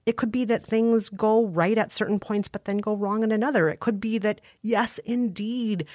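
A woman's voice: mid-range voice, darkish tone, dry recording, clean studio sound. A woman co-hosting a casual chat, recommending films with enthusiasm. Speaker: co-host.

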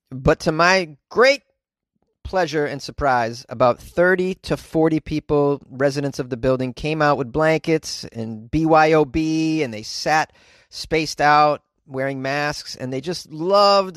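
A man hosting a comedy podcast from inside a closet, riffing in an animated, caffeinated, goofy way and repeating phrases for effect. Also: medium pitch, no room sound, studio quality. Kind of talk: comedic news commentary and rambling monologue.

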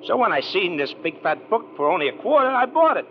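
An actor playing a dim-witted, cheerful cab driver with folksy, ungrammatical, slow-witted talk in 1940s radio comedy. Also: male voice, high voice, sing-song. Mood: dim, earnest. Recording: noisy, dull old radio recording.

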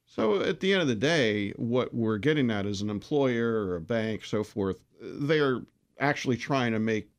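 A man hosting an interview, asking leading questions and sharing personal anecdotes in a lively way. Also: mid-range voice, moderate pace. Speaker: interview host. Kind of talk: conversational interview.

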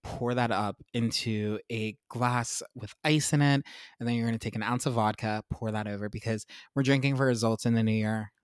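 A young man hosts a casual solo podcast, chatty and upbeat, tossing in self-mocking asides while sounding stuffy and congested and clearing his throat. His middle-pitched voice is steady and clean. The recording is close and dry, with no echo or room sound.

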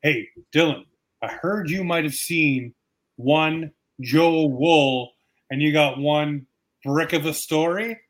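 A man's voice: fairly high pitch, a little slow, a bit bright. Upbeat male podcast host. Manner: upbeat, hyped presenter tone. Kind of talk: casual podcast hosting.

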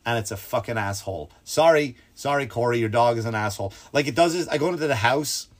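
A man hosting a comedy podcast, ranting animatedly and swearing, with his voice jumping up when he gets worked up. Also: fast talker. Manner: animated, swearing, pitch leaps when excited. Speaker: podcast host. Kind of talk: comedic storytelling rant.

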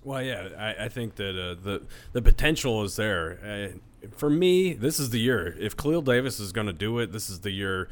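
A man's voice: on the low side, normal speed, few pauses, fairly bright tone. An American man on a sports talk panel, giving conversational analysis.

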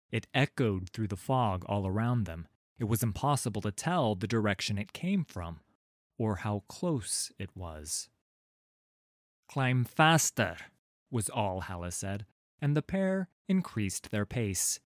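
Male audiobook narrator, low, unhurried dramatic delivery, dry studio sound. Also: dry recording. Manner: measured, dramatic storytelling. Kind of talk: scripted fantasy narration.

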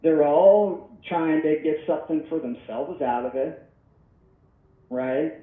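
A man's voice: fairly high pitch, slow pace. A man in his thirties, a podcast guest in casual talk, rambling and reflective with many restarts, heard over the phone. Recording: tinny, echoey phone line.

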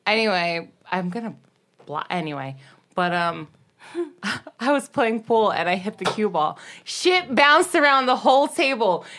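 Young woman from baltimore, cusses a lot, tells stories loud and blunt. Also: medium pitch, sing-song, a little slow, slight background noise. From Baltimore, Maryland area. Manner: blunt, profane, loud storytelling. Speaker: podcast co-host and storyteller. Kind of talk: casual chat.

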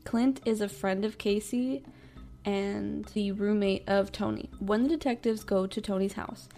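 A woman's voice: medium pitch, steady tone, measured pace, mellow, soft background music. A young woman hosting a podcast, telling a true-crime story in a chatty way, full of "like" and laughing in disbelief. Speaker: podcast host.

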